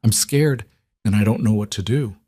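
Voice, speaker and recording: A man's voice: fairly low pitch, moderate pace, mellow, husky, no room sound. Frightened young woman played by a male narrator, tearful, pleading, dry booth sound. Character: frightened young woman caught in mob danger. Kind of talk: audiobook character reading.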